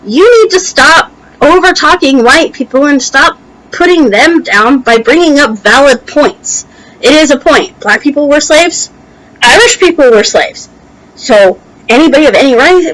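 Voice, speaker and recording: A woman's voice: sits high, expressive, moderate pace, a bit bright, poor audio. A young American woman giving an opinionated vlog rant in a heated, emphatic way, her speech slightly impeded by a tongue piercing and allergies. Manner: heated, emphatic, casually profane. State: allergies making it hard to talk. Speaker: video blogger. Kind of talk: opinionated reaction rant to camera.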